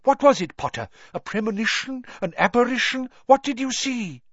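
Man doing a high fluttering female seer, theatrical, mystical, swooping voice, dull dry audio. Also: normal speed, dry recording, full character voice. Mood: excited. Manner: breathy, theatrical, excited. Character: eccentric older female seer teacher, dramatic and mystical.

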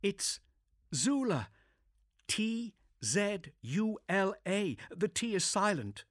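A man voicing a sharp, anxious young female inquisitor with a strained, breathy voice and quick, insistent questions. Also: high voice, very animated, no room sound, clean studio sound, pitched above the performer's own voice, heavily acted. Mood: urgent.

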